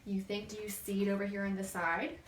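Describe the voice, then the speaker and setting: A woman who teaches reads a children's picture book aloud with expression, adding chatty asides and questions for a young listener. Her voice is medium-pitched with little pitch movement and a fairly quick pace. The microphone is distant, giving a roomy sound with background noise.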